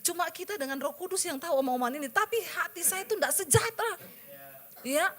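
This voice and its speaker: High-voiced woman pastor telling a testimony. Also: a little fast. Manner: lively storytelling, acting out quoted dialogue; addresses the congregation directly. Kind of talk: sermon with personal testimony.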